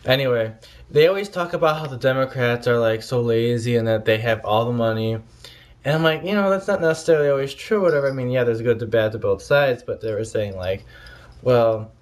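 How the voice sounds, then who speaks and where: A man's voice: mid-range voice, a little fast. Stoned man on a rambling rant. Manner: scattered, often losing his thread and trailing off. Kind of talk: rambling casual vlog rant.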